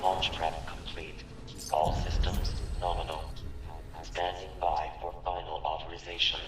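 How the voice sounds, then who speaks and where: Stern security system announcer: very deep, monotone alerts through a robotic filter, distant with music. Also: male voice, a little slow. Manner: flat formal status announcements. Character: stern male facility computer announcing alerts. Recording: echoey distant game audio with music.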